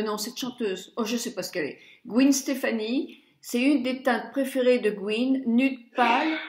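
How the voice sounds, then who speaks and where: A middle-aged beauty blogger chats her way through a makeup palette review in an echoey room, muttering asides and tripping over English names. Her voice is fairly high in pitch.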